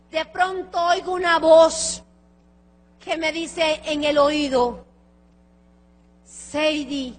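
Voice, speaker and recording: A woman's voice: very high-pitched, fairly bright tone. A woman preacher telling a testimony as a sermon, fervent and emotional. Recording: long reverb of a large hall.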